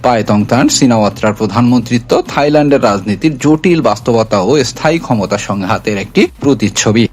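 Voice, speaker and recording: A man reading a scripted news explainer as narrator, in a formal, measured reporting manner. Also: mid-range voice.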